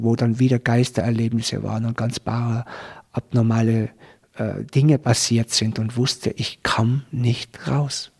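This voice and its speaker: A man earnestly recounting a personal experience, slowing down as he reflects at tense moments. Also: mid-range voice, darkish tone, breathy edge. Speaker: person telling his own life story. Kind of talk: personal testimony.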